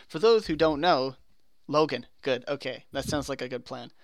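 A man's voice: medium pitch, moderate pace, noisy background. A man running a tabletop role-playing session as game master, talking in a rambling, self-correcting way. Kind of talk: casual tabletop game chat.

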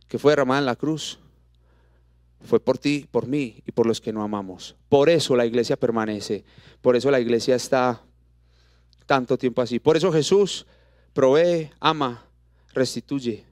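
A man with a Colombian Spanish accent preaching a sermon, throwing out rhetorical questions and dropping to soft, intimate tones for the words of scripture. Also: mid-range voice, dry recording, studio quality. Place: church auditorium. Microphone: handheld microphone.

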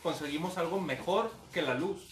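A man's voice: on the high side, normal speed, echoey room, a loud crowd. A man with a Mexican accent co-hosting a casual podcast chat, slangy and often laughing as he jokes. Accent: Mexican Spanish. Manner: slangy, laughing, acts out quoted voices loudly. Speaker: podcast co-host.

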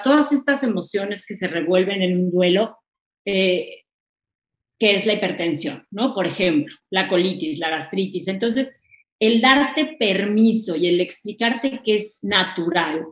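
A Mexican woman, a thanatologist, talking expressively in a casual interview and pushing her pitch up to stress points. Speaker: thanatologist guest. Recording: roomy echoey sound.

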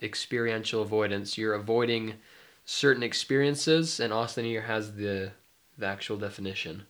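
Congested from a cold, this mindfulness life coach sounds nasal and stuffy as he co-hosts a laid-back podcast. The young man's voice is fairly low and fairly bright, and he talks at a normal pace.

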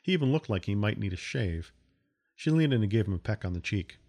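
A man, the author, narrating his own science-fiction audiobook in a steady storytelling manner. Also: fairly low pitch, a little fast.

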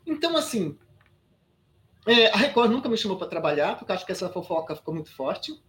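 An animated Brazilian woman in her sixties recounts her past in a relaxed interview. She talks emphatically, stumbles and restarts often, and tosses in quick "sabe?" checks. Her voice sits at an ordinary middle pitch. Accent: Brazilian Portuguese. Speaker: guest actress. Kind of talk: casual interview storytelling.

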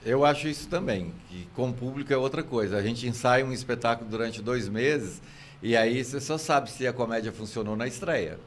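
An older man, a theater actor chatting casually and telling anecdotes with lively expression. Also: mid-range voice, a little fast, slight background noise. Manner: expressive storyteller, acts out anecdotes. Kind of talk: casual chat.

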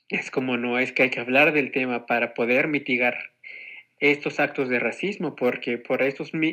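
A man's voice: medium pitch, sharp tone. A man speaking as a podcast guest, earnest and sometimes searching for words in a serious discussion.

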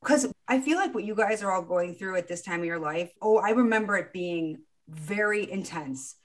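A woman's voice: mid-range voice, normal speed. Woman in her 40s hosting a podcast, upbeat and encouraging, chatty spiritual talk. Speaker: podcast host. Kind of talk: casual spiritual coaching talk.

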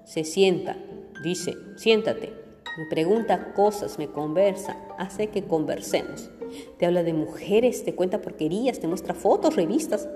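Low, mellow woman narrating a novel. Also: moderate pace. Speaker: audiobook narrator. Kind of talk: literary audiobook narration. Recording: reverberant room with faint music.

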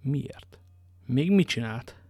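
A man's voice: medium pitch, animated, mellow, slightly rough, no room sound, studio quality. A man reading an audiobook and voicing D'Artagnan, a hot-headed young musketeer, with an agitated, exclaiming manner.

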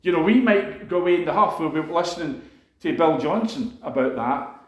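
A man with a fairly high voice tells a personal story from the pulpit, loose and conversational, with plenty of fillers and restarts. His talk is heartfelt, and he keeps turning to the congregation for a response. The sound rings around a roomy, echoing hall. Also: animated, moderate pace. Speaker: preacher. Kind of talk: sermon testimony. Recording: echoey room.

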